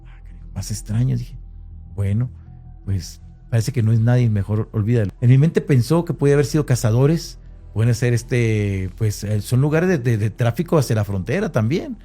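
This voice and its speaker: Man, Mexican Spanish accent, mellow mid-pitched voice, halting first-person storytelling with faint music behind. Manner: hesitant, with many restarts and fillers, slowing at tense moments. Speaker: interviewee recounting an encounter. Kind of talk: conversational first-person account.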